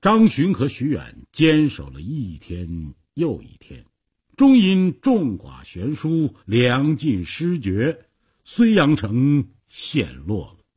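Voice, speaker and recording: 一位男性说书人，以富有戏剧性的广播评书方式讲述故事。. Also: male voice, medium pitch, slow, husky. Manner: dramatic, animated storytelling. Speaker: storyteller. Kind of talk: radio story narration.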